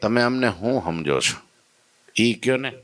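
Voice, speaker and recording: A man's voice: mid-range voice, animated, a little slow, fairly bright tone. A man voicing a compassionate divine master who speaks with firm, reassuring commands.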